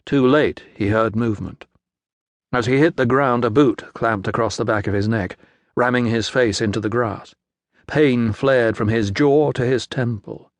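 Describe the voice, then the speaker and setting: Male audiobook narrator, measured even read, mid pitch, dry studio mic. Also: no room sound. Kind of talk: scripted narration. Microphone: close studio mic.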